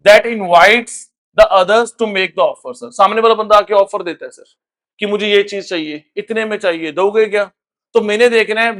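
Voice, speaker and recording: A man's voice: high voice, a bit bright. A man with an Indian accent teaching a recorded law lecture, switching between Hindi and English, ending phrases with "sir" and asking if students follow. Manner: mixes Hindi and English, tags lines with "sir", asks checking questions.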